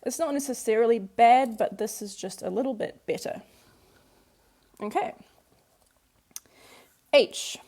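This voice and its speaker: Unhurried and pausing often, this woman has a fairly high pitch but a dark tone. English is her first language, and she teaches a workbook lesson by patiently working through examples in steps, repeating the key points.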